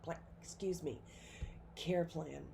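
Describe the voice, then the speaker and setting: Over a noisy background, a woman with a cold lectures on nursing pharmacology in class, recorded as she speaks informally, filling gaps and correcting herself often. As the nursing instructor, she talks low-pitched and gravelly, steady in tone and taking it slowly.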